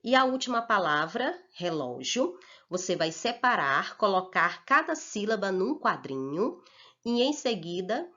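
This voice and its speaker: A woman teacher, slowly talking children through a worksheet and checking in with "ok?". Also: mid-range voice, very animated, pushed and bright. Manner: slow and deliberate, checks in with "ok?". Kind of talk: slow, patient worksheet instruction for children. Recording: dull lo-fi recording.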